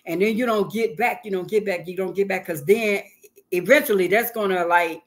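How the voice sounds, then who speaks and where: A woman's voice: medium pitch, fairly quick. A woman guest on an interview show, talking casually and earnestly, repeating phrases for emphasis. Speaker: guest, hip hop artist and author.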